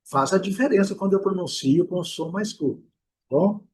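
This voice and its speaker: A husky, slightly breathy Brazilian man with a fairly high voice gives a pronunciation lesson. He says each example word slowly, several times, and stretches the vowels. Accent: Brazilian Portuguese. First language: Portuguese. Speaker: English teacher.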